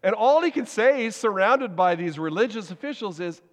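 A man preaches with animated storytelling and acts out the lines of the people in the story. His voice sits a bit high, and a long hall reverb trails behind it. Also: normal speed, muffled recording. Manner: lively storytelling, animated with laughs and acted quotes. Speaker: pastor. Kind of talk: sermon.

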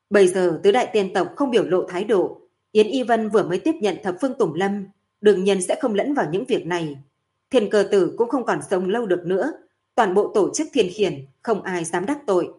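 A woman narrating a fantasy novel as an audiobook in a steady, even storytelling voice. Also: medium pitch.

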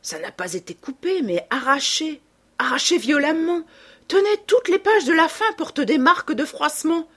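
A woman voicing a fussy, pedantic older male scholar in a storybook reading, measured and explanatory. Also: medium pitch, very animated, slightly rough. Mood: observant.

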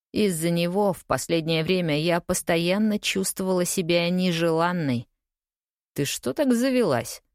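Low-voiced woman narrating an audiobook. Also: darkish tone, dry recording, clean studio sound. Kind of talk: first-person audiobook narration.

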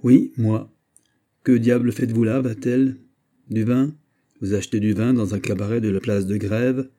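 A man's voice: on the low side, steady tone, normal speed, mellow, lightly acted. A man reading aloud, voicing a proud, impassioned nobleman who speaks with a commanding, indignant tone. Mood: astonished. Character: proud, impassioned male nobleman, a finance minister.

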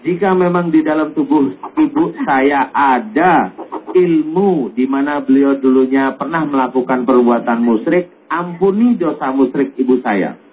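A man, an Islamic preacher, giving gentle advice to a caller on a radio call-in, sometimes joking lightly. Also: medium pitch, measured pace, slight background noise. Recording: tinny lo-fi radio broadcast.

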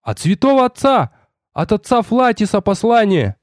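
A man voicing an excitable young male novice who shouts eagerly, pitched well above his own voice. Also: measured pace, dry recording, studio quality, heavily acted. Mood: excited.

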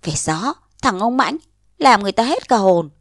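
A brisk, chiding young mother speaks in a dry, close voice, as a woman narrator puts her on. She is a tender but scolding storybook figure. Her pitch is mid and ordinary. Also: sing-song, dry recording.

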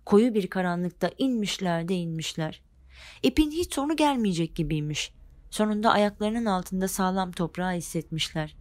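A woman narrating a fairy tale as a storybook reading, expressive and lively with the characters. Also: mid-range voice, normal speed, dry recording.

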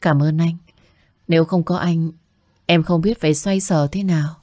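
A woman voicing a humble young medical student who speaks politely and pleads softly, recorded dry. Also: low-pitched, steady tone, normal speed, no echo, lightly acted. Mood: pleading.

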